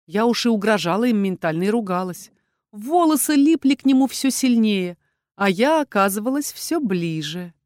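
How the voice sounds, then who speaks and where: A woman narrates a fantasy audiobook with lively, animated delivery, keeping a steady mid pitch. The voice is dry and close to the mic, with no room sound. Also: normal speed, no room sound. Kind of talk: expressive audiobook reading.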